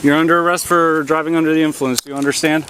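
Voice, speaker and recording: Fast-talking, stern male police officer. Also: a little high, little pitch movement, a bit bright. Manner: stern, commanding, repetitive. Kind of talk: roadside commands and questioning. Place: outdoors at a roadside stop. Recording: noisy outdoor police bodycam audio.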